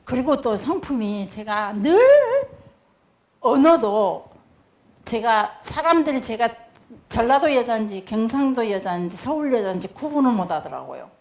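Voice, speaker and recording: A woman's voice: on the high side, lively intonation, normal speed. An older woman with a South Jeolla accent, a pastor's wife telling stories in a church testimony talk and acting out voices. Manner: chatty, storytelling, acts out voices.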